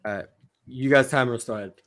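A man's voice: mid-range voice, normal speed, fairly bright tone. A young man chatting casually as he organises a group game and plays along.

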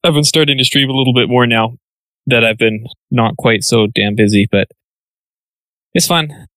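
A man's voice: mid-range voice, normal speed, fairly bright tone, dry recording, rough recording. A man co-hosting a podcast, talking in a laid-back way about streaming. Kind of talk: casual podcast chat.

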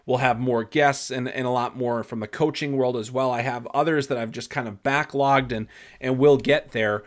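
A man's voice: medium pitch, fairly even intonation, normal speed. A man hosting a solo sports podcast, a little stuffy from a recent cold, talking in a chatty, rambling way with fillers. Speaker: podcast host.

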